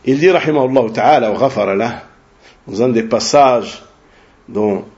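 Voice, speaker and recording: Man giving a slow religious lesson, lo-fi. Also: medium pitch, darkish tone. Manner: slow and deliberate, with tag questions. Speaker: religious lecturer translating a sheikh's talk. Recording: dull lo-fi recording.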